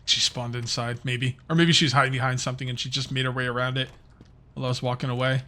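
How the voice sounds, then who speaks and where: Talking fast in a medium-pitched, level voice that sounds pushed and bright, a gaming YouTuber offers chatty, meandering commentary to his viewers while playing.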